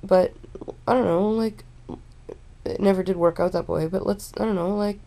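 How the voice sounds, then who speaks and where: A young woman rambling in a relaxed, stoned drawl, full of fillers and restarts, talking casually to her camera at home. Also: mid-range voice. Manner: meandering, halting, with frequent fillers and restarts. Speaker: vlogger.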